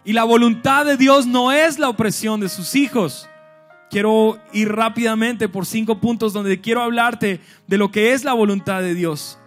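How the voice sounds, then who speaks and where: A male pastor preaching a lively sermon to a large church congregation, with bursts of shouting and acted-out scenes. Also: high voice, normal speed, faint music behind. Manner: animated preaching, shouts and acts out scenes with humor.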